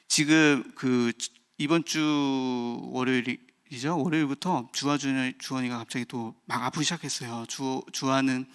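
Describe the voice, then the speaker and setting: A pastor in his thirties delivers an early-morning sermon in a mid-range, somewhat bright voice. He speaks candidly and personally, with lots of fillers and restarts.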